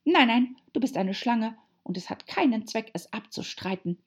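Lady putting on a shrill shrieky pigeon mom, whiny and scornful, way up high, gravelly edge, muffled recording. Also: lively intonation, normal speed. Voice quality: shrill, screeching. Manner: complaining, scornful. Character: shrieking anxious mother pigeon guarding eggs. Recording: dull lo-fi recording.

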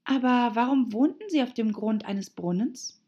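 A woman's voice: a little high, animated, moderate pace, warm tone, husky, highs cut off, voice pushed up. A woman doing a curious, polite young girl. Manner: earnest, questioning. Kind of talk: audiobook character voice.

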